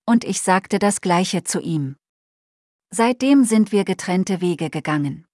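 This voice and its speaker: A woman's voice: lowish voice, expressive, takes it slowly, dry recording, clean studio sound. A woman voicing a remorseful, lonely old man in a Christmas storybook, speaking with sad regret. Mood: regretful. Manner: sad, regretful, softly pleading.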